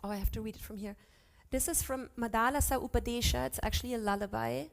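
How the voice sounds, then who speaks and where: A woman's voice: fairly high pitch, steady tone, vocal fry. Woman teaching Sanskrit verses. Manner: chants verses slowly, corrects herself aloud. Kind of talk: lecture on scripture with chanting. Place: ashram class.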